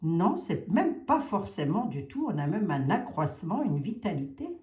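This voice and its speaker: A psychic card reader with a Lorraine French accent gives a chatty, casual tarot and oracle reading, asking questions aloud and hedging with "hein." Her lowish, darkish voice is very animated at a normal speed, and the sound is reverberant.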